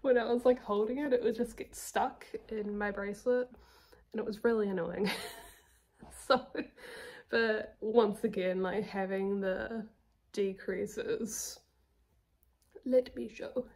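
A young woman with a southern New Zealand accent, chatting casually about her knitting projects, self-deprecating and quick to laugh. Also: mid-range voice, steady tone, darkish tone. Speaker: knitting podcast host.

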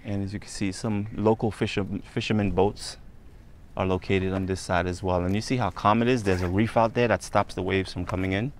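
A man vlogging outdoors as he walks, pointing out sights in a relaxed, conversational way. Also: low voice, brisk, slight background noise. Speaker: travel vlogger. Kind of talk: casual walking tour narration. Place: outdoors on a hot island street.

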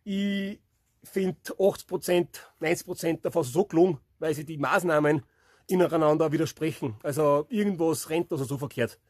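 A man's voice: a little high, moderate pace, darkish tone, no room sound, clean studio sound. A man in his thirties with a Bavarian accent, chatting and giving his opinions to a handheld camera as he walks a rocky forest trail in winter. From Lower Bavaria, Germany. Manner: chatty, opinionated, talks to camera while hiking. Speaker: vlogger, hiking channel host. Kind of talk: casual outdoor chat to camera. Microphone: handheld camera at arm's length.

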